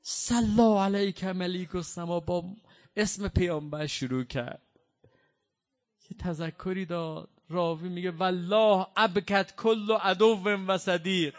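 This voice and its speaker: High-voiced, fervent male preacher. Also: steady tone. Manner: recites quoted lines slowly, then explains them in plain speech; fervent, impassioned delivery. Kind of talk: mourning sermon.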